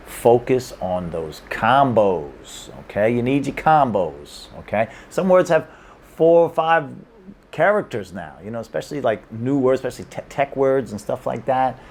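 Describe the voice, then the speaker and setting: A man with a low, slightly mellow voice rambles through casual language-learning advice to camera, repeating himself, restarting, and chuckling. He's recording in a room in Hong Kong, and slight background noise can be heard.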